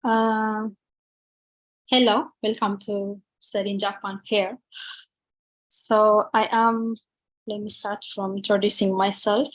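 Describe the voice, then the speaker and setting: A woman's voice: mid-range voice, level tone, no room sound. Ethiopian woman presenting on a video call. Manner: halting, many fillers and restarts. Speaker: PhD student presenter. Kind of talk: webinar presentation.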